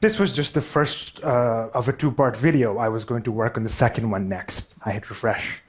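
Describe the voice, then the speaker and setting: Telling a story from his own life, a Pakistani-accented man stutters and makes self-deprecating jokes. He speaks at a moderate pace in a mid-range voice that carries a breathy edge.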